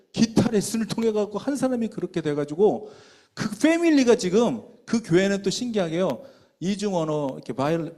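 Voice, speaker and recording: A middle-aged man preaching as a pastor, telling a testimony in an animated storytelling manner and acting out the people he quotes. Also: on the high side. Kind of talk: sermon testimony. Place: church meeting hall.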